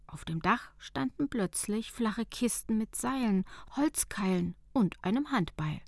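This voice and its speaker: A woman reading a storybook tale aloud in a soft, calm, unvoiced whisper. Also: medium pitch, unhurried, gravelly, no echo, studio quality. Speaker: narrator.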